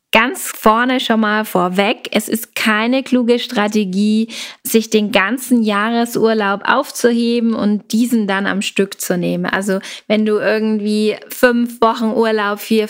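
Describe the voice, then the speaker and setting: A woman coaching the listener on taking breaks, informal and encouraging, speaking directly to "you". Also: medium pitch. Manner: friendly explanatory tone. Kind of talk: advice video on stress and breaks.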